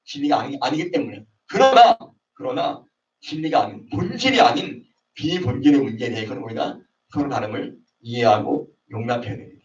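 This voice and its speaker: A man's voice: medium pitch, animated, a little fast, a little hiss or hum. A man preaching a sermon to a young adults' service, acting out quarrels in raised voices. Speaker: pastor. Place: church sanctuary. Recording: roomy, distant, dull online service audio.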